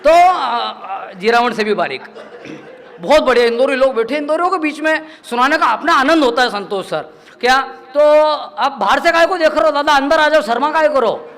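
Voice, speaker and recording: A man's voice: very high-pitched, lively intonation, normal speed, fairly bright tone. A man, performing chatty, self-mocking stories at a live poetry gathering, acting out the voices of the people in them. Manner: chatty storytelling, acts out quoted voices, laughs often. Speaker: stand-up comedic poet. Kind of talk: humorous poetry-stage banter. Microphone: stage microphone.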